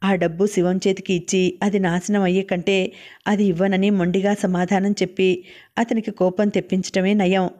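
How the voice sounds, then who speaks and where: A woman narrating a novel as an audiobook in a steady, even reading. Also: mid-range voice, normal speed.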